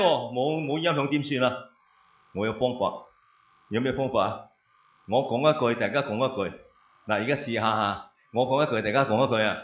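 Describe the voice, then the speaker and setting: An older man, a pastor, preaching an animated sermon, firing off rhetorical questions and answering them with loud exclamations. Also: fairly high pitch. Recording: roomy, dull lo-fi recording.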